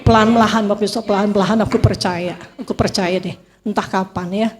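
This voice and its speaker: A middle-aged woman giving an emotional church testimony, telling her story with lively acted quotes. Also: mid-range voice, fairly quick. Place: church hall. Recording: long reverb of a church hall.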